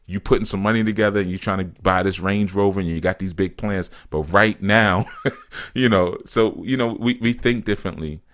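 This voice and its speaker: A man with a very low voice talks loosely on a live stream, reading out viewers' comments and answering each one. He laughs often and drops "you know" and "man" into his sentences. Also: normal speed, a bit bright. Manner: reads viewer comments aloud and answers them. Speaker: spiritual teacher answering live chat.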